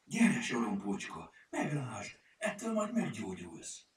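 A man's voice: mid-range voice, wildly swooping pitch, voice pushed up. A man voicing an eager, cheerful little elf girl who speaks sweetly and coaxingly. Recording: echoey room, far from mic, faint hiss.

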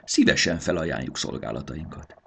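A man's voice: extremely low pitch, expressive, gravelly, a bit bright, breathy edge, full character voice. A man voicing a pushy, chirpy pair of matchmaking wedding rings in a storybook. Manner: chirpy, then quick to take offence.

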